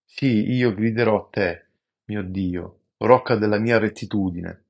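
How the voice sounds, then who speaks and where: A man reading scripture aloud in a slow, measured, reverent way, with the odd stumble over a word. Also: fairly low pitch, vocal fry, dull audio. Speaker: amateur scripture reader.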